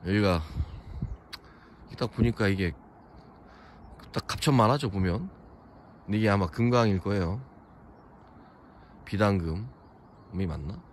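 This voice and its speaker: Young male vlogger, deep voice, loose opinionated commentary, outdoor camera mic. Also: unhurried, pauses often, a little hiss or hum. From Chungcheong region, South Korea. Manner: rambling, opinionated, many fillers. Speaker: vlogger touring a historic fortress. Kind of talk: casual walking commentary. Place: outdoors at a hilltop fortress.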